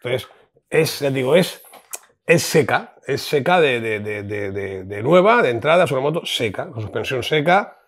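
A man co-hosting a casual chat about motorcycles, animated and prone to repeating words. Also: medium pitch, normal speed. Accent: Spanish. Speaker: motorcycle shop co-host.

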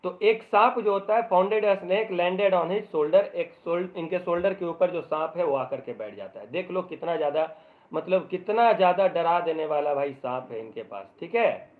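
A male teacher giving a live online English lesson in Hindi, joking as he explains and reading the English passages aloud very slowly. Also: fairly high pitch, expressive. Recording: tinny phone-like audio.

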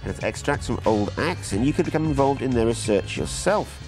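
Middle-aged male presenter, medium pitch, dry jokey delivery, music bed underneath. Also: animated, brisk. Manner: wry, jokey asides. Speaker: documentary presenter. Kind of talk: presenting a TV documentary. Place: outdoors by a brick building, sitting with a laptop.

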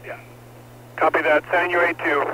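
A man commands a fire scene over a static-laden two-way radio. His slightly high voice stays in a narrow, even range as he gives urgent, terse firefighter orders, with brief hesitations. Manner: terse, directive, hesitant pauses with uh. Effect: two-way radio transmission. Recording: noisy, clicking, band-limited fire radio traffic.

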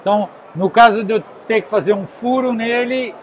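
High-voiced man interviewing at a boat show. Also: slight background noise, poor audio. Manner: curious, conversational, quick follow-up questions. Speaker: host. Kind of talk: casual interview at a trade show. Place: indoor boat show stand. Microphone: handheld recorder.

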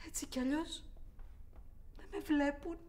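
A woman's voice: high-pitched, fairly even intonation, darkish tone, slight background noise, natural voice. A woman playing a haunted young abuse survivor. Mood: bitter. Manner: obsessive repetitions swinging between whisper and outburst. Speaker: actor. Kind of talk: theatrical monologue.

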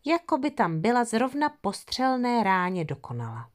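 A hunter father tells his little son a tale about a clever fox, as a woman reads him. His voice moves through lively rises and falls. He keeps a patient, storytelling manner throughout. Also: fairly high pitch, voice pushed up. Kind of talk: audio fairy tale reading.

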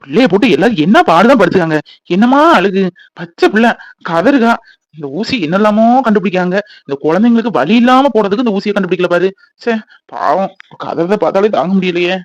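A man voicing a soft-hearted young father in a cartoon, who frets and pleads in a tearful way. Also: high voice, lively intonation, brisk, dry recording. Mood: fretful. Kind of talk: cartoon voice acting.

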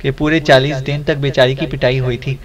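A man voicing a sly, joking young male secret agent in an audiobook, with teasing, deadpan banter. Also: medium pitch, a little fast, highs cut off, lightly acted.

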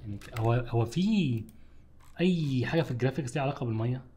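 A young man with an Egyptian Arabic accent giving casual, jokey commentary while he streams a game, with loud outbursts at scares. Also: mid-range voice, animated, very fast, a little hiss or hum. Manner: jokey, exclaims loudly at scares.

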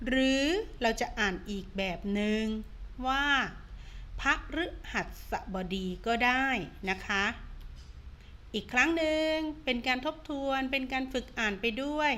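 A woman teacher giving an online reading lesson to young pupils, drawing out each word slowly in a sing-song drill and coaxing them to read along. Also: sits high, a bit bright. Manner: slow, drawn-out, sing-song drilling of words. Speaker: primary school teacher.

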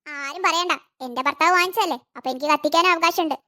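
Spiteful sneering stepmom voiced by a woman, cartoon villain, really high pitched. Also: fast talker, sharp tone. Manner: sneering, mocking.

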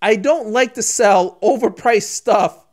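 A man co-hosting a casual podcast, rambling through animated rants with sudden louder outbursts and frequent laughter. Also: high voice, slow pace. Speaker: podcast co-host. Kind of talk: casual chat.

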